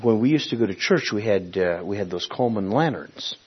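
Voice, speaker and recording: A Honduran man preaches in a husky, lowish, animated voice, mixing his sermon with personal stories. His delivery is conversational and halting, as if he's searching for words. The lo-fi recording sounds dull and muffled.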